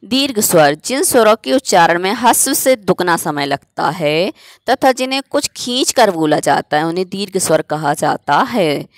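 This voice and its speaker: A woman's voice: fairly low pitch, lively intonation, normal speed, no echo. A woman teacher giving a grammar lesson, explaining step by step and asking herself questions before answering them.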